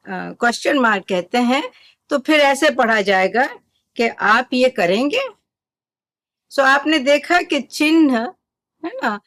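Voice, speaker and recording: Woman, Urdu teacher, slow and patient, fairly high voice, dry close sound. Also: dry recording. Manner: calm, patient explaining with examples. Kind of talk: lesson.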